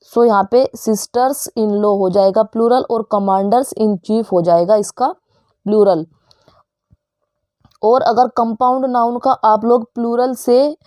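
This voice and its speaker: Slow, mellow-voiced woman teacher. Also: a little high, dry recording, clean studio sound. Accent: Indian English. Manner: keeps asking students questions. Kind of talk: grammar lesson.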